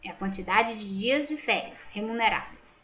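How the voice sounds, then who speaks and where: A Brazilian woman teacher with a Brazilian Portuguese accent patiently goes over a school exam in a correction lesson, checking answers aloud and asking and answering her own rhetorical questions. Her mid-range voice is animated and sharp, at a normal speed.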